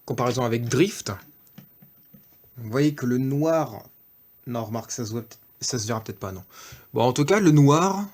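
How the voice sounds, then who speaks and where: A man's voice: medium pitch, darkish tone. A man giving a casual off-camera toy review, hesitant, with many fillers and self-corrections.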